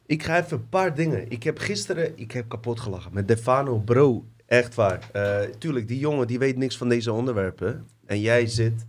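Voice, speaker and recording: A man hosting a casual podcast, relaxed and slangy, talking to his guest and his viewers. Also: medium pitch, moderate pace, few pauses. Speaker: podcast host.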